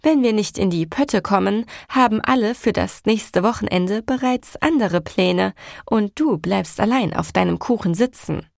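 Woman doing a brisk, nagging inner taskmaster, a little gravelly. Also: medium pitch, a little mellow, dry recording, studio quality. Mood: urgent. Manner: brisk, pushy. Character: lively driving inner voice, female, impatient.

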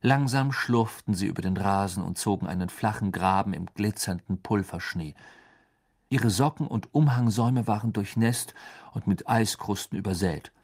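A man reading a novel aloud in calm, measured scripted narration. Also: fairly low pitch, breathy edge. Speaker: audiobook reader.

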